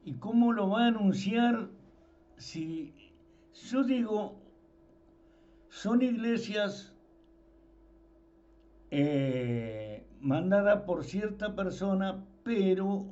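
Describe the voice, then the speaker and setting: In a dull, lo-fi recording, a man with a high voice for a male gives an informal sermon. His tone is dark but his intonation lively, and he speaks slowly, repeating words for emphasis.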